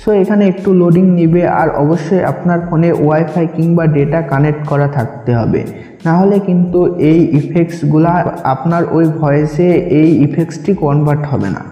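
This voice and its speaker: Soft music plays beneath a man with a Bangladeshi accent whose warm, fairly high voice moves at a moderate pace through an app tutorial. He repeats each instruction, and the room sounds echoey and reverberant.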